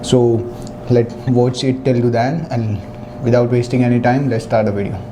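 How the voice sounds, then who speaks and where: A man's voice: mid-range voice, little pitch movement, moderate pace, background noise. A man hosting a casual vlog interview, talking in a friendly, loose way.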